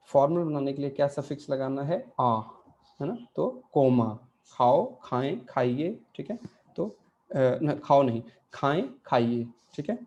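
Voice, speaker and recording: A man's voice: on the high side, mellow, highs cut off. A man teaching an online language class, explaining grammar step by step and answering his own questions.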